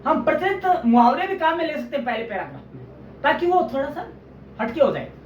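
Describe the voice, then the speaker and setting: A man's voice: very high voice, sing-song, brisk. A man teaching journalism in an online lecture, explaining with everyday examples and often calling his listeners friends. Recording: roomy, distant, dull with faint hiss.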